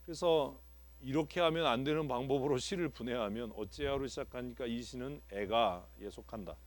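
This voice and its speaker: A man's voice: mid-range voice, fairly quick. A man, a pastor, teaching a Bible text to his congregation and asking its members what they feel about it. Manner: asks the congregation questions and repeats answers. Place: church sanctuary.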